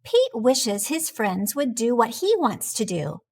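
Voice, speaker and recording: A woman reading a children's picture book aloud in an expressive, deliberate storytelling manner for young listeners. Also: a little high, slight background noise.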